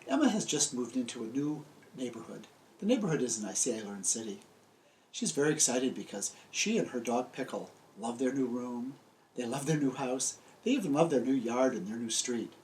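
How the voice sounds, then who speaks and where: Telling stories to young children in a small book-lined room, an older American children's book author gives a friendly scripted presentation built on simple, emphatic phrases. His medium-pitched voice has a darkish tone, is expressive and moves at normal speed. Slight background noise and a rough recording mark the clip.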